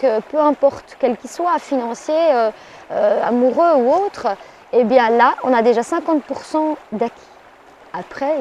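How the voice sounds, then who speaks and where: Woman life coach as interview guest: mellow, hesitant, thoughtful. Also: high-pitched, a little hiss or hum. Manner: hesitant, with frequent pauses and fillers. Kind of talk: reflective interview answers.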